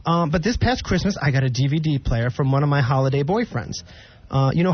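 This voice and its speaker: A man's voice: medium pitch, husky, lo-fi sound. A man with a chatty, campy manner doing a casual comic monologue as host.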